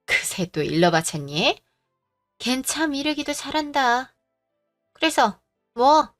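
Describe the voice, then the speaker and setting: A greedy, domineering middle-aged mother-in-law snaps and makes demands in a pitched-up, condescending voice, as a woman acts her out. She talks down to everyone around her. Soft music plays beneath the audio drama. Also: big pitch swings, takes it slowly, heavily acted. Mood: scornful. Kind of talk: Korean audio drama acting.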